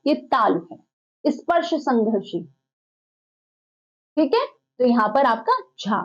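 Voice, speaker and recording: A woman's voice: a little high, lively intonation, takes it slowly, highs cut off. A woman teaching an exam-prep lesson, putting questions to the class and then answering them herself. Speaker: Hindi teacher.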